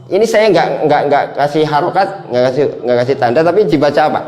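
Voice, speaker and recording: A man leads an Arabic grammar class with a fairly high voice, repeating each word patiently and calling on students by name. The sound bounces around a roomy classroom. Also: lively intonation, fast talker, darkish tone.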